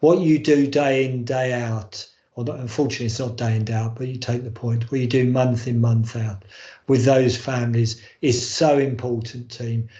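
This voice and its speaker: A man's voice: medium pitch, steady tone, normal speed, warm tone. A man chairing a formal board meeting on a video call, speaking with frequent hesitant ums. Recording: muffled, roomy video call audio.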